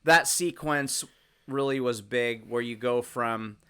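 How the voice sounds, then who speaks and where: A young man co-hosting a casual sports podcast, talking in a measured, rambling way with frequent restarts. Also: mid-range voice, a bit bright, clear, resonant tone. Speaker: podcast co-host.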